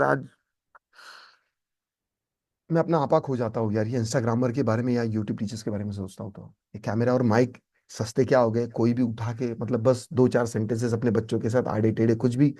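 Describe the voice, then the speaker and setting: A man's voice: medium pitch, normal speed, dark tone. A man teaching a spoken English lesson, emphatic and repeating his key points.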